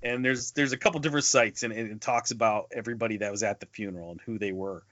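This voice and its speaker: In dull, lo-fi podcast audio with no room sound, a man co-hosting a casual movie review chat swaps stories conversationally. His lowish voice is fairly bright and steady in tone, and he speaks quickly.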